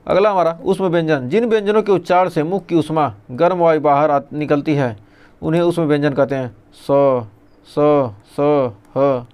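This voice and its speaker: Man, teacher, exam revision lesson, smooth clear voice, slightly high, question-and-answer drilling. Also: moderate pace, a little mellow. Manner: drills lists aloud, asks and answers his own questions.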